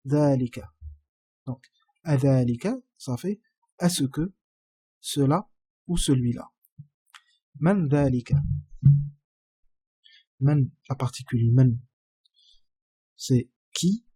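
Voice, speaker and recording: A man teaching a lesson, patiently repeating each phrase slowly. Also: mid-range voice, dark tone, slightly rough, no echo. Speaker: Arabic teacher. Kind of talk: slow classroom explanation.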